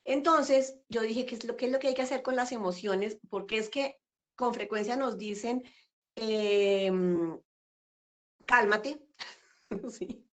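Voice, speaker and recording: A middle-aged woman with a somewhat high voice speaks at a measured pace as an interview guest on a video call. Her casual conversation is warm and reflective, full of fillers and laughter.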